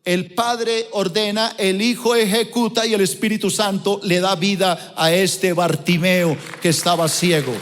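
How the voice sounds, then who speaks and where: A male pastor delivers a sermon in an emphatic style and often stops to put questions to his congregation. His voice sits high. Long reverb from a church auditorium rings behind every line. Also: fairly even intonation, a little slow, few pauses, a bit bright.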